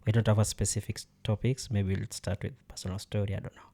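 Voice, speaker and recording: A man's voice: on the low side, little pitch movement, fast, creaky, warm tone. A man hosting a casual podcast conversation, speaking hesitantly with many fillers and frequent laughs. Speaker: podcast host.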